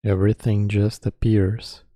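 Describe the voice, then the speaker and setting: In a dry, close recording, a man leads a meditation with a very soft, dark, relaxed voice of fairly low pitch. He talks slowly and calmly, in short phrases separated by long pauses.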